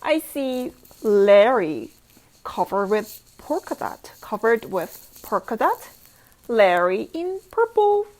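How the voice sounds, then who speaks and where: Reading a picture book to kids, this teacher keeps it playful, asking questions, throwing in exclamations and sound effects, and repeating phrases slowly for young learners. Her voice is a little high, a little mellow, and sing-song. The audio is poor.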